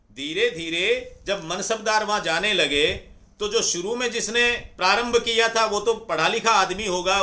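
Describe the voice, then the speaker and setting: A middle-aged man explaining the origin of words in a measured lecture, slowly repeating phrases for emphasis. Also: sits high, pushed and bright. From Rajasthan, India. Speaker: scholar explaining word origins.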